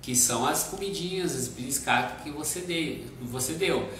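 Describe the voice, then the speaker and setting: A man co-hosting a live stream, explaining step by step with everyday examples in a relaxed chat. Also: a little high, normal speed. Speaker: nutrition live stream co-host. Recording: very echoey room, mic at a distance, background noise.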